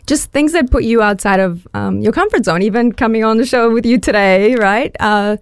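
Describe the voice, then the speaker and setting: A woman's voice: on the high side, normal speed, smooth, no echo, studio quality. A woman in her forties from Bulgaria, a guest on a radio interview, talking in an upbeat, earnest way. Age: 40s. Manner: upbeat, earnest, with many fillers. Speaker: magazine editor, pageant finalist.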